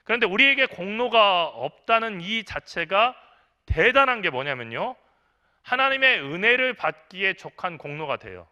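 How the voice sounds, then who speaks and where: A man's voice: high voice, very animated, normal speed, sharp tone. A middle-aged man, a senior pastor, preaching a sermon in a conversational way, asking the congregation questions and acting out quotes. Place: church.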